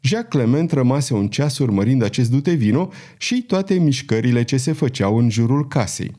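A male audiobook narrator reads a dramatic story with much expression. His voice is mellow and warm, and his pitch rises and falls widely across each sentence. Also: animated. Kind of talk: scripted narration.

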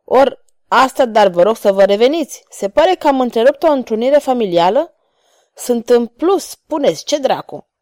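A bold swordsman who taunts his enemies in polished, courtly phrases, voiced by a woman narrator. The lines swing widely in pitch and carry a mellow warmth. The sound is close and dry, like a storybook reading. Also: animated, no room sound, close to an everyday voice. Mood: mocking. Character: bold mocking male cavalier swordsman.

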